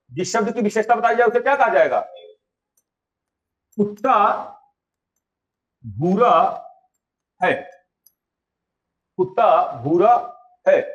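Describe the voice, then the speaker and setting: A male teacher giving a classroom lecture, quizzing his live students with repeated questions. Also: very high-pitched. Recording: dull lo-fi sound.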